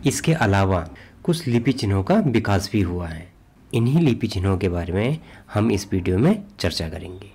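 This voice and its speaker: Male exam tutor, low husky voice, steady explanatory delivery. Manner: steady, explanatory, reads out examples. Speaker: exam coaching teacher. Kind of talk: explanatory Hindi lesson.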